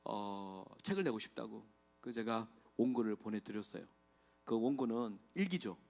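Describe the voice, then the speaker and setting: A man's voice: on the low side, expressive, moderate pace, gravelly, darkish tone. A middle-aged man, a pastor, giving an impassioned testimony sermon in a church and asking the congregation rhetorical questions. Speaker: guest pastor. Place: church sanctuary.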